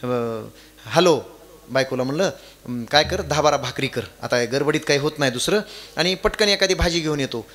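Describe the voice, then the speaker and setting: A man preaching a devotional kirtan sermon, telling stories and swinging between loud chanting and soft chuckling asides. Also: on the high side, moderate pace. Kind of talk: Marathi kirtan sermon with storytelling.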